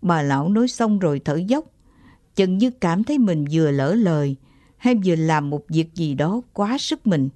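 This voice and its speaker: A woman narrating an audiobook short story in a calm, measured way. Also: fairly low pitch, no room sound.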